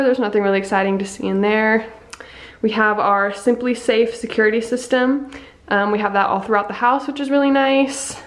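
An upbeat young woman vlogger chats casually into her on-camera mic, the camera held at arm's length as she moves from her living room through the rest of her house. Her voice runs a bit high for a woman, and "like" and "um" keep creeping into her speech.

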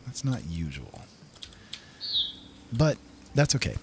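Musing to himself, a man hosts relaxed gameplay commentary in a gravelly, fairly low voice that swoops wildly in pitch. He speaks slowly. Loud game music and game sounds play behind him.

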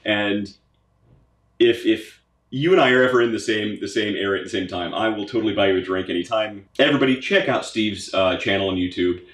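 A man's voice: on the low side, brisk, a bit bright. A man hosting a casual unboxing vlog, talking enthusiastically and repeating his words as he goes through a gift box. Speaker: pipe tobacco channel host. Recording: roomy echoey room sound.

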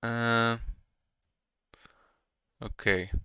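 A young man doing casual live trading commentary, thinking out loud and repeating his phrases as he muses. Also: mid-range voice, fairly even intonation, extremely slow, smooth, dry recording, studio quality. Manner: repeats phrases while musing to himself. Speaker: day trader streaming live. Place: small room indoors at a computer desk.

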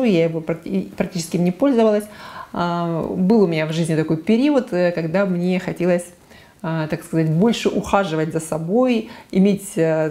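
A woman with a fairly low pitch and a dark tone talks casually to camera about her makeup. This beauty vlogger is in her forties and speaks frankly from a small living room via a lapel mic, using many fillers and frequently correcting herself.

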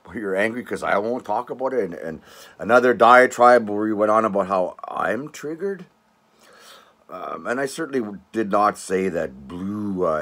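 Fairly low in pitch with a fairly bright tone, this older man from Canada runs his own channel and heaps sarcastic scorn on his audience. His rant meanders, doubles back on itself, and is dotted with tag questions such as "eh" and "all right."

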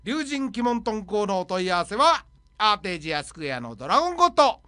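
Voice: medium pitch, very animated, brisk, pushed and bright, clear, resonant tone, no room sound, studio quality. A radio host running a comic segment, punning and jumping between voices.

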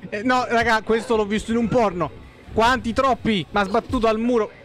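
A man's voice: sits high, fairly even intonation, normal speed. A young man streaming a horror game, swearing constantly and yelping in panic. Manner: swears a lot, panicky yelps and shouting. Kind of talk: live gameplay commentary.

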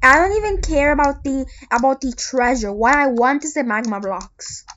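A gamer giving casual let's-play commentary, excitedly calling out to teammates. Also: high voice, moderate pace, highs cut off, a little hiss or hum. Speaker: gamer playing with friends.

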